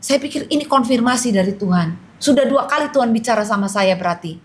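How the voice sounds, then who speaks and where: Earnest middle-aged woman, guest testimony, slightly high voice, storytelling delivery. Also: lively intonation, fast. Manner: earnest, storytelling, quotes others in acted voices. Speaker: guest sharing a personal testimony. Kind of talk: emotional personal testimony.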